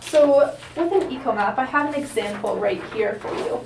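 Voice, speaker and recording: A woman speaking as a calm, supportive therapist, asking gentle questions and affirming answers in a counselling session. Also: sits high, moderate pace, gravelly. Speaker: counsellor in a practice roleplay session. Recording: roomy, distant mic, faint noise.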